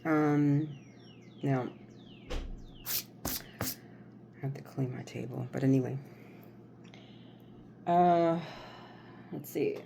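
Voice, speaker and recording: A woman host chatting casually and rambling through a tarot card reading, folksy and jokey, often pausing and repeating herself. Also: deep voice, warm tone. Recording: clear background noise, card shuffling and clicks.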